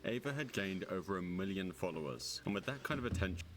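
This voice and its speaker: A man reading scripted true-crime documentary narration in a measured, suspenseful storytelling manner. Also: low voice, expressive, slight background noise.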